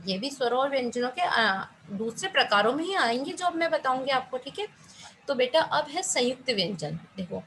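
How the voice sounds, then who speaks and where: Brief: young female teacher, slightly high voice, patient question-and-answer explaining, faint noise behind. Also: a bit bright, rough recording. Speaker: Hindi grammar teacher. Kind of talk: classroom-style lesson to students.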